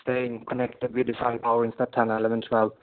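A man's voice: mid-range voice, monotone. Man on a crackly, fading phone line. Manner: earnest and halting, with many restarts. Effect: crackly phone line that fades in and out. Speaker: member sharing at a recovery meeting. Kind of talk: personal share in a support meeting. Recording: tinny, narrow phone line.

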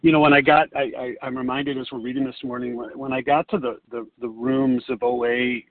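A man's voice: medium pitch, flat delivery, brisk, no echo. Man from Chicago, mid register, conversational meeting share, distant phone connection. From Chicago, United States. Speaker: member sharing at a recovery meeting. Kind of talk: personal sharing. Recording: distant, tinny phone line.

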